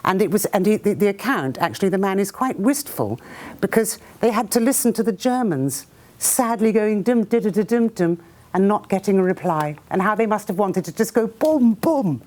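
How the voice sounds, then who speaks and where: A woman reads from her own book before a live audience, her pitch rising and falling in wide swings. She slips into voices and mimicked sounds as she goes, then talks freely with the room in a mid-height voice. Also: fairly quick. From Britain. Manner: lively storyteller who acts out sounds and voices. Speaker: author. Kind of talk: reading aloud then talking to an audience.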